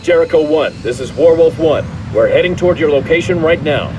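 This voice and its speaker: A fighter pilot over oxygen-mask radio. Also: male voice, a little high, fairly quick, far from the mic, noisy background. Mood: terse. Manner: clipped military radio calls. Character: confident male fighter jet squadron leader. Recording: game audio with music behind.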